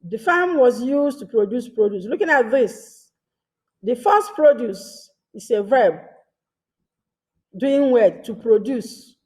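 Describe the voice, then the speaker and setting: A woman gives a grammar lesson at an unhurried, measured pace. Her voice sits a little high, and she breaks her explanations into short, careful phrases, reading each example twice. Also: animated, a little mellow. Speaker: teacher. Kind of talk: slow deliberate grammar lesson.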